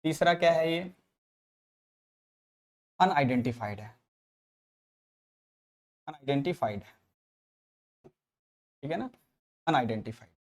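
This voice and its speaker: A man's voice: fairly high pitch, expressive, slow, pauses often. A man teaching a grammar lesson, repeating each example and checking in with frequent tag questions. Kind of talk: classroom lecture explaining English grammar.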